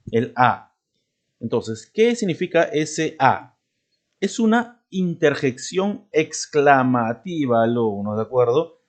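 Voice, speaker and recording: A man teaching a spelling lesson to students, checking often whether they follow. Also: mid-range voice. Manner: addresses students, checks with frequent "¿de acuerdo?" and "¿no?".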